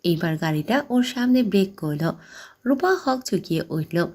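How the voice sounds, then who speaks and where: A woman's voice: medium pitch, expressive, moderate pace, darkish tone. A woman with a mid-range voice tells a romantic story. Her scripted narration moves steadily from line to line.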